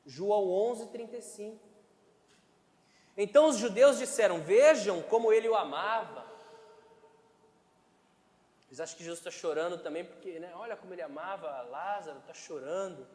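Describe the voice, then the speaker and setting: A man's voice: sits high, normal speed, long pauses, darkish tone. A man preaching a sermon to a congregation, conversational, often asking them for agreement. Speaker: pastor. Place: church. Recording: echoey church hall, long reverb.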